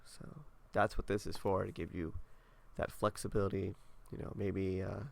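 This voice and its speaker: In a low, gravelly voice with a level tone, a young man talks through his game setup at normal speed. He's a gaming video creator whose congested, nasal delivery is laid-back and rambling, full of fillers, as he offers casual walkthrough commentary.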